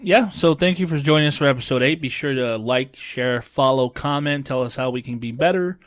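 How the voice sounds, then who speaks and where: A man co-hosting a podcast, ranting casually and swearing freely, mocking people in high put-on voices. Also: brisk. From Chicago area, US. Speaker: podcast co-host. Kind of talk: casual profane rant.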